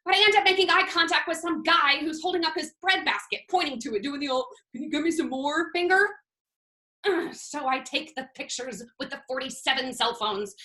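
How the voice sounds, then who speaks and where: A woman playing a frazzled, high, bright-voiced waitress. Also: poor audio. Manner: breathless, spiraling storytelling that breaks into tears. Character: frazzled young waitress at a busy restaurant. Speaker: monologue performer. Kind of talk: stage monologue over video.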